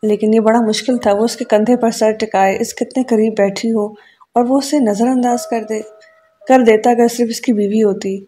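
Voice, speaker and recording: Calm woman reading a novel aloud. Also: on the high side, a little hiss or hum. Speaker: audiobook narrator.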